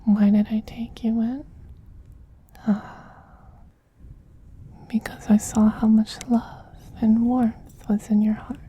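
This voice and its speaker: In a soft-spoken ASMR roleplay, a man plays a tender, possessive male vampire queen, whispering slowly and breathily with gentle dominance. The mood is loving and soothing. His voice is high-pitched and level, heavily acted and recorded in lo-fi sound.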